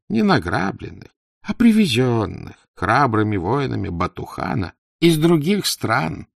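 A man's voice: mid-range voice, vocal fry, breathy edge, dry recording, clean studio sound, voice pushed up, heavily acted. A man voicing a plaintive, wheedling older male merchant held as a slave, sighing and complaining as he talks. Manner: whiny, sighing, fast-talking complaints.

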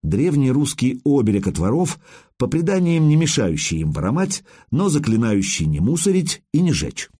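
A man's voice: medium pitch, very animated, moderate pace, dark tone, breathy edge. A man narrating a first-person audiobook in a wry, conversational storytelling manner.

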